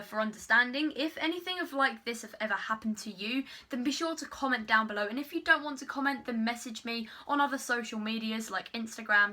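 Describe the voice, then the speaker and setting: A woman's voice: a little high, pushed and bright. A teenage girl, telling a storytime vlog in a chatty, rambling way, full of "like" and "literally". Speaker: vlogger.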